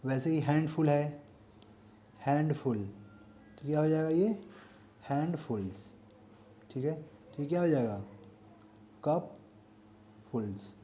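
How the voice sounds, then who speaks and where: A man's voice: on the high side, warm tone, slight background noise. A man with an Indian accent teaching English grammar for exam prep. He asks the class questions, answers them himself and repeats key words. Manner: reads English example sentences slowly and carefully.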